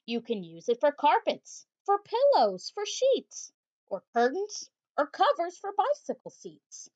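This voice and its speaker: A woman's voice: wildly swooping pitch, unhurried, a little mellow, heavily acted. A woman playing an eager, pushy salesman. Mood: salesy. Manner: pitching a product, listing eagerly. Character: eager young male shop maker, pushy salesman. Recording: slightly dull lo-fi audio.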